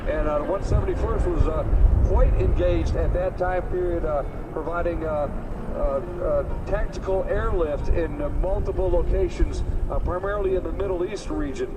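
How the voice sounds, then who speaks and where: A man's voice: sits high, normal speed. A man giving informative, unscripted airshow commentary in a hesitant way. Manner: hesitant, with frequent uhs. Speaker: airshow announcer. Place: outdoor airshow. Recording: very noisy outdoor airshow, aircraft roar.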